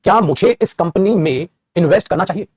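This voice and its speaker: A man's voice: high voice, a little fast, slightly rough, no room sound, studio quality. A man teaching English grammar in an online class, coaxing and scolding his students and calling them 'beta'. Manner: animated, calls students 'beta', scolds and coaxes.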